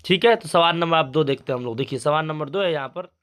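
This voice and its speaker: A man's voice: on the high side, fast, fairly bright tone. A young man teaching as an Urdu teacher, explaining exam answers and restating each line in simpler words.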